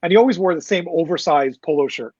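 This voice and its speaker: A man's voice: fairly high pitch, fast talker, slightly rough, dry recording, lo-fi sound. Man telling a profane promoter story. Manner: animated anecdote-telling with profanity and quoted dialogue. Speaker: interview guest, concert promoter. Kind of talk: casual storytelling interview.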